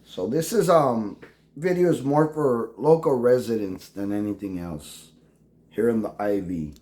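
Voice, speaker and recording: A man, speaking in a halting personal monologue full of restarts. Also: mid-range voice, dark tone. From El Paso, Texas. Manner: halting, with many restarts and fillers. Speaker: veteran vlogger.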